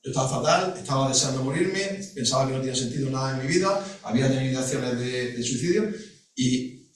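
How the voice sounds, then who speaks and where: A middle-aged man recounts a personal story at a panel talk. He halts, restarts and adds asides as he goes. He sits far from the mic in a large hall that rings with echo. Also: medium pitch. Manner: halting, with many restarts and asides. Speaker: guest speaker at a panel talk. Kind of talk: personal storytelling to a live audience.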